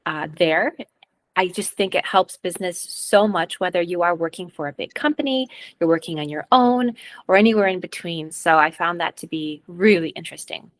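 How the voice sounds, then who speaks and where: A woman co-hosting speaks in a measured, reflective way. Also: fairly low pitch, expressive, no echo. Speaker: co-host. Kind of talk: casual interview talk.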